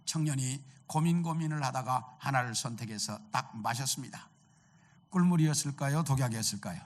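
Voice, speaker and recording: A man's voice: medium pitch, a little fast. A male pastor preaching a sermon, telling a story and asking the congregation rhetorical questions.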